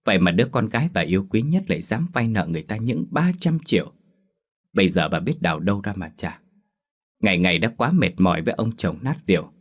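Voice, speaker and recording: A man narrating a dramatic family story in a steady, measured storytelling manner. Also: deep voice, slightly rough.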